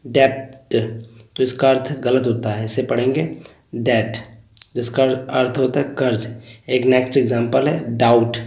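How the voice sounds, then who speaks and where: A man's voice: mid-range voice, gravelly, a little mellow, echoey room. A man teaching an English lesson in Hindi, spelling words letter by letter and saying "guys" often.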